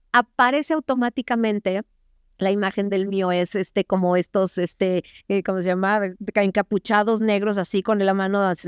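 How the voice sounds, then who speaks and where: Smooth-voiced woman explaining warmly. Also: on the high side, no echo, clean studio sound. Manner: animated, acts out inner voices while explaining. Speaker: clinical psychologist guest. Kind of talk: explanatory interview talk.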